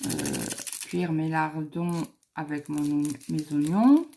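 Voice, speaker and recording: A middle-aged woman with a lowish, gravelly voice chats away at her craft table at home. She rambles through a story as she works, with faint noise underneath. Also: huge pitch swings, slow, warm tone. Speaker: craft vlogger. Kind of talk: casual chat while crafting.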